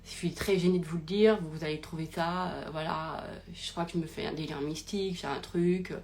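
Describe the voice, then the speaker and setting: A woman's voice: low voice, fairly even intonation, fairly quick, darkish tone, a little hiss or hum. A young woman telling a personal story in a casual, rambling way, with many fillers and restarts, recorded live on a phone. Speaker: podcast host.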